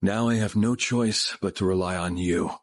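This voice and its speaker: A man's voice: low-pitched, normal speed, close to an everyday voice. A man playing a grave, middle-aged father and corporate head in a video game drama, speaking formally and solemnly with regret. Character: grave remorseful wealthy father heading a corporate group.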